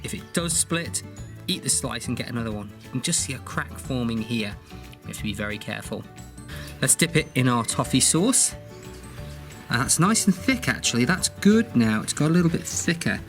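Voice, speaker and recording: A British man at middle pitch teaches campfire cooking outdoors. He talks in a friendly, instructive way, often turning to address the kids watching live, with faint music underneath. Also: sing-song, normal speed, fairly bright tone. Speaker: forest school instructor.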